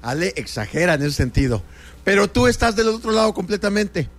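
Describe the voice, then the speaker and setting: A man's voice: high-pitched, big pitch swings, a little fast. A man with a Mexican accent co-hosting a radio show, explaining with examples and many fillers. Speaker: radio co-host. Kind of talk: casual radio banter.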